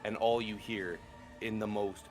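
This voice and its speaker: A man acting as game master, narrating a tabletop fantasy game with suspenseful, drawn-out phrasing. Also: fairly low pitch, steady tone, soft background music.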